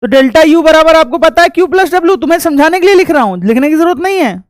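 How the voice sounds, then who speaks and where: A man's voice: extremely high pitch, animated, fast talker, dry recording. Man teaching a recorded class; chatty, teasing, motivational, breaks into song snatches; dry close sound. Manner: chatty, joking asides to students; coaxing, motivational. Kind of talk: recorded online lesson.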